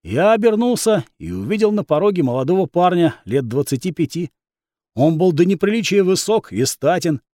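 A man's voice: sits high, very animated, normal speed, dark tone, no echo. A man narrating a first-person fantasy audiobook in a wry, ironic tone.

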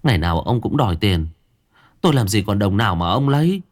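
A man voices a poor, beaten middle-aged mother, pleading tearfully in a raised, strained, high-pitched voice. His delivery is very animated and a little fast, full of begging.

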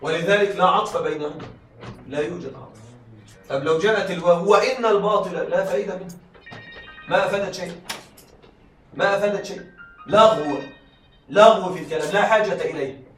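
High-voiced male teacher in echoey classroom. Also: fairly quick, long pauses, fairly bright tone, soft background music. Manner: keeps checking in with the class, repeats examples. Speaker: Arabic rhetoric teacher. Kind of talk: classroom lecture. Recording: echoey room, mic far off, faint noise.

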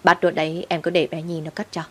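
A woman's voice: lowish voice, little pitch movement, quick pace, fairly bright tone. A woman voicing a bitter, blunt man who is out of prison and speaks with scorn. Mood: mocking. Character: bitter man out of prison, sharp-tongued father.

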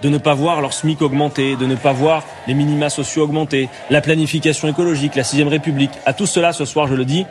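A man, a politician, delivering a measured, forceful political address. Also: on the high side, fairly even intonation, soft background music. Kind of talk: political speech.

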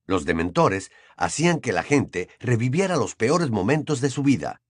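Guy reading an audiobook, super lively up and down voice, dry close mic. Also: medium pitch, normal speed, no echo. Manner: expressive storytelling. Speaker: audiobook narrator. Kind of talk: scripted narration.

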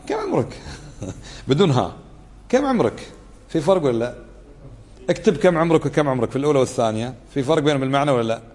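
A man gives a religious lesson, moving from explanation to brief demonstrations of tone. His middle-pitched voice carries a long reverb, as if recorded in a large hall. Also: a little mellow. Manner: conversational, keeps asking the listeners to confirm; acts out tones of voice to show meaning. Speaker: religious teacher. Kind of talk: lesson commentary.

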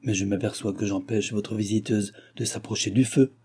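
A man reading an audiobook, voicing a calm, kindly young curate who speaks gently and half-playfully. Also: fairly low pitch, normal speed, breathy edge. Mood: gentle.

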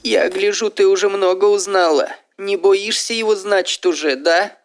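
A man voicing a fretful, pious old village widow who laments in drawn-out, folksy sighs, with faint music behind. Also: sits high, fairly even intonation, a little hiss or hum, voice pushed up. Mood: brisk. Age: older.

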